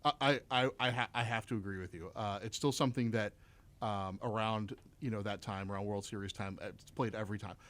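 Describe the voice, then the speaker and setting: A man hosting a podcast in a relaxed, chatty way, with lots of ums and uhs. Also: fairly low pitch, brisk. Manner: easygoing, chatty, with frequent fillers. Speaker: podcast host. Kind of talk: casual podcast chat.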